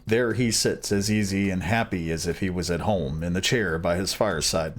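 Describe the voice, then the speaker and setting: A man's voice: sits low, moderate pace. A man reading aloud as Hans, a simple, cheerful young male servant in a fairy tale, in an easygoing storybook manner.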